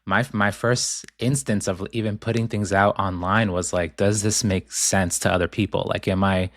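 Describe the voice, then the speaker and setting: A man from Ecuador, raised in Boston, speaking as an author guest in a calm, thoughtful way with frequent ums. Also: low-pitched, moderate pace, dry recording, clean studio sound. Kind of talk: reflective interview talk.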